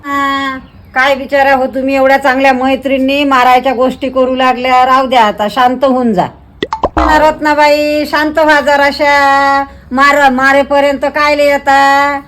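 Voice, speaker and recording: A woman playing a calm village woman who settles a quarrel, speaking slowly and soothingly. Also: high voice, a little hiss or hum, lightly acted. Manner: soothing, slow.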